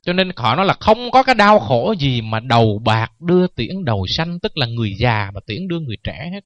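A man's voice: medium pitch, sing-song, brisk, no room sound, dull audio. A man who is a Buddhist monk giving a sermon, telling stories with jokes and laughing at them. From Vietnam. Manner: joking, anecdotal, laughs at his own stories. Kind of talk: dharma talk sermon.

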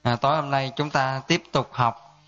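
A man's voice: mid-range voice, fairly even intonation, moderate pace, a bit bright, soft background music. A Buddhist monk teaching a dharma lesson in a conversational way, often asking his listeners to confirm. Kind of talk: dharma class lecture. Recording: dull lo-fi sound.

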